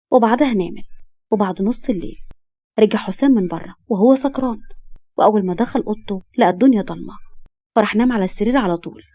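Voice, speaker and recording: A woman with an Egyptian accent narrating a romance story in a brisk reading voice. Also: mid-range voice, mellow, dry recording. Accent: Egyptian Arabic.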